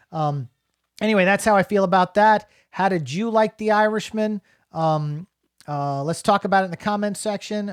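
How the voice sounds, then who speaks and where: A man's voice: sits high, no room sound, studio quality. A middle-aged man from New Jersey giving a casual, rambling spoken film review, full of fillers and restarts.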